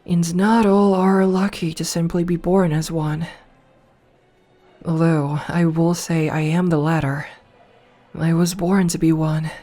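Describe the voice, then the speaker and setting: Close to the microphone, a voice actress with a deep female voice performs a slow, soft ASMR roleplay as a noble vampire princess who is dominant and flirtatious. Faint music can be heard behind her.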